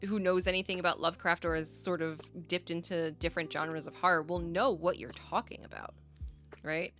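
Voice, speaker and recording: A woman's voice: lowish voice, fairly even intonation, brisk, fairly bright tone, soft background music. A woman chatting casually on a podcast. She rambles, laughs often and keeps asking "right?". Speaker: podcast co-host. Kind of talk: casual chat.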